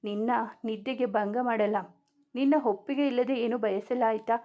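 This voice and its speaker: A woman's voice: a little high, steady tone, moderate pace, mellow, lightly acted. Woman voicing a teasing, loving young husband. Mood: playful tender. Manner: affectionate teasing, firm when scolding.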